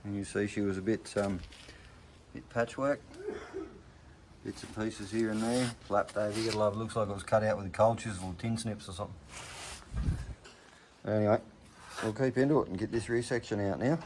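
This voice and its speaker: A man's voice: lowish voice, steady tone, moderate pace, pauses often, a little mellow, a little hiss or hum. A man with a broad Australian accent giving laconic, slangy, off-the-cuff commentary in a casual workshop vlog. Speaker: hobby car restorer presenting progress videos.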